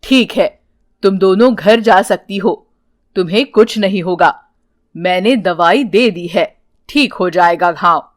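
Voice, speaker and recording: A woman's voice: medium pitch, lively intonation, slow, voice pushed down. A woman voicing a kindly elderly male holy man in a storybook, speaking in a soothing, reassuring way. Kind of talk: storybook character voice.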